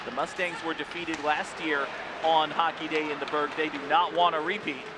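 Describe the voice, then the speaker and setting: A man's voice: a little high, little pitch movement, moderate pace. A man doing live play-by-play of ice hockey in short, clipped phrases that follow the play. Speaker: play-by-play announcer. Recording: noisy ice rink broadcast. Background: loud rink ambience.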